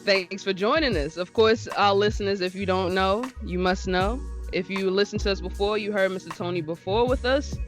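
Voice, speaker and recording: A man's voice: high voice, moderate pace, hardly any pauses, soft background music. A man hosting a radio show in a casual interview style.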